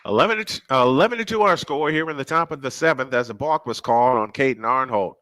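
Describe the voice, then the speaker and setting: Bright-voiced baseball play-by-play man. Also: mid-range voice, quick pace, no room sound. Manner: chatty, jokey, old-school delivery. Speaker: play-by-play announcer. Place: high school ballpark.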